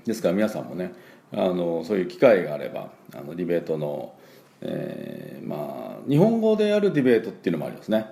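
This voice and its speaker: A middle-aged man with chatty, filler-heavy talk, hosting a daily English lesson and slowly drilling pronunciation. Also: deep voice, big pitch swings, creaky, warm tone, echoey room. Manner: chatty, many fillers, slow drawn-out teaching of sounds. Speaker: English teacher and school head.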